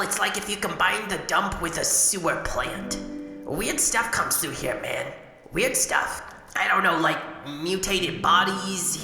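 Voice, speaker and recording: Video game: broken-down pleasure robot played by a woman, crude, streetwise, wistful drinker; low, bright voice. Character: battered old pleasure robot, boozy, crude, touchy, wistful. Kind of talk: video game character acting. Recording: echoey hall with music. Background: music.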